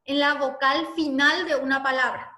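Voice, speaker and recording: High bright lady teacher going slow and patient, roomy echo. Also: steady tone. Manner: patient, explains step by step. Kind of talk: online class explanation.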